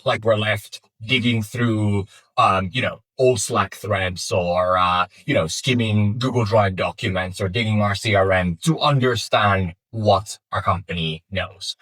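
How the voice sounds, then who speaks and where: This young Finnish man, a startup founder, talks about his company during an interview at an office in Finland. His voice is low and husky, a bit bright, and he pauses with fillers and restarts sentences as he thinks. The recording sounds close and dry with minimal echo.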